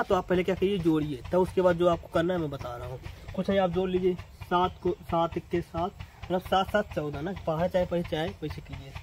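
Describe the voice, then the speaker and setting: A man's voice: high-pitched, a little mellow, slight background noise, poor audio. A man teaching basic math in a casual classroom way, repeating each point and tagging lines a questioning "na". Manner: talks straight to students, repeats points with "na" tags.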